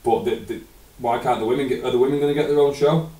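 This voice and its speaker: A man's voice: mid-range voice, fairly even intonation, fast, warm tone. A man co-hosting a podcast, chatty and casual with some swearing. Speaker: podcast co-host. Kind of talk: casual chat. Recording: roomy, distant mic.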